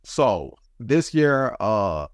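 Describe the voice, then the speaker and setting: A man's voice: mid-range voice, big pitch swings, dry recording, clean studio sound. A man co-hosting a podcast, joking about parenting and celebrity news in a playful, exaggerating way. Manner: playful, exaggerating, quick to laugh along. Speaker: podcast co-host. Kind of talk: casual pop-culture chat.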